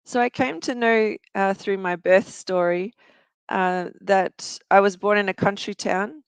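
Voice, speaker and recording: A woman in her forties with an Australian accent, a youth worker and researcher, appears as a guest on a talk show to tell her personal story. Her mid-range voice is clean, fairly even in intonation and measured in pace, with no room sound, and she speaks earnestly and reflectively with occasional fillers.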